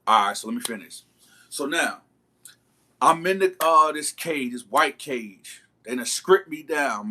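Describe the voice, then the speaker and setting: A man livestreams a long story told in casual slang, calling out to his viewers as he goes. His voice sits in the mid-range and sounds bright and forceful.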